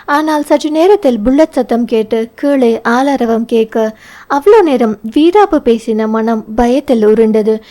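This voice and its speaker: A woman's voice: a little high, mellow. A woman with a Tamil accent reading a novel aloud as an audiobook narrator, voicing the dialogue in much the same voice as the narration.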